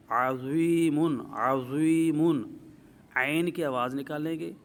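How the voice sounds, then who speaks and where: A man's voice: medium pitch, fairly bright tone. Male tajweed teacher, methodical step-by-step explainer, faint background hiss. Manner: methodical, explains rules step by step, checks with "ٹھیک ہے؟"; drawn-out slow demonstrations of recited words. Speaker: Quran recitation teacher. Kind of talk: tajweed lesson.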